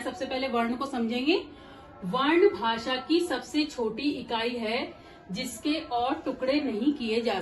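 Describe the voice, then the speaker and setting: Patient woman teacher, high voice, echoey room with faint background hum. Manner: patient, repeats and checks understanding. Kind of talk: explaining a grammar lesson.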